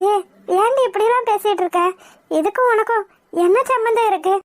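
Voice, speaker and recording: A piercingly high voice from a performer playing a worried cartoon mother, soothing her daughter in a resigned way. It sounds close and completely dry. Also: fairly quick, dry recording. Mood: consoling. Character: worried consoling mother, middle-aged.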